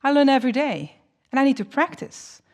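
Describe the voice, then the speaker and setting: A woman with a fairly high, very lively voice gives teaching tips as a non-native English speaker. She sounds like an encouraging teacher, often putting questions to the listener and letting her intonation swing widely. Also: fairly quick. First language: not English. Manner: animated, encouraging, rhetorical questions.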